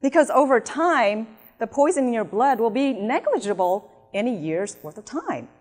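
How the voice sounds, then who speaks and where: A woman voicing a calm male doctor who soothingly dismisses a patient. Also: a little high, moderate pace, voice pushed up. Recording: echoey hall.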